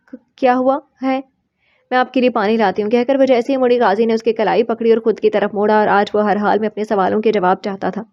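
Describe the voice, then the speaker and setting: A woman narrating a romance novel in a calm, even storytelling voice. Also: mid-range voice. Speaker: audiobook narrator. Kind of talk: reading a romance novel aloud. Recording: slightly muffled recording.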